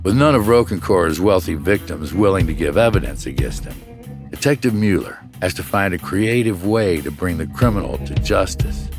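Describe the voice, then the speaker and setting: This low-voiced male narrator tells a true crime tale from a script, his intonation lively yet his pacing measured and dramatic, much like a documentary storyteller. Music plays beneath him throughout.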